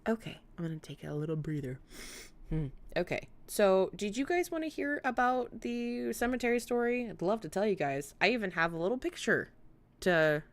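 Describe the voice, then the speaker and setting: A woman with a speech impediment that turns her R's toward W, chatting casually and excitably to viewers as a livestream host, in a rambling, giggly way. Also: mid-range voice, moderate pace. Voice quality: speech impediment, weak R sounds like W. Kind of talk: casual live chat with viewers.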